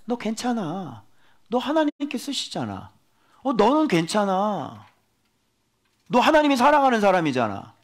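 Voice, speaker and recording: A man voicing a soothing, flattering tempter spirit that coaxes a believer. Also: high-pitched, unhurried, pauses often, exaggerated voice. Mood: coaxing. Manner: coaxing, reassuring.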